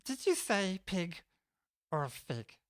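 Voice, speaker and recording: A man's voice: sits high, huge pitch swings, slow, fairly bright tone, no room sound, studio quality, full character voice. The Cheshire Cat, a man doing a chuckling, sly drawl. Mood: amused, teasing. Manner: chuckles between lines, drawling and playful. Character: grinning, teasing Cheshire Cat, sly and amused. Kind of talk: full-cast audiobook acting.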